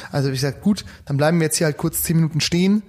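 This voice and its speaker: Fast-talking young man. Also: a little high. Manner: fast, animated storytelling with quoted dialogue and Bavarian-tinged slang. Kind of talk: casual chat, storytelling.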